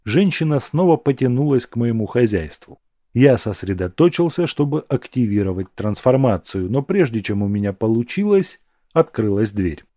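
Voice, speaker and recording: A man reads a first-person fantasy audiobook in a steady, plain way. His voice sits at a middle pitch for a man. The recording is dry and close, with no room sound. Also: moderate pace, dry recording. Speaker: audiobook narrator.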